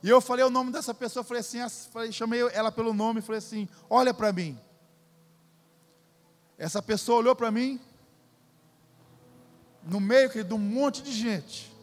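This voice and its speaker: A man's voice: very high-pitched, normal speed, long pauses, long reverb tail. A Brazilian man preaching a sermon, emphatic and repetitive, calling the congregation "dear". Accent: Brazilian Portuguese. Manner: emphatic, repeats phrases, addresses crowd as "querido". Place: church.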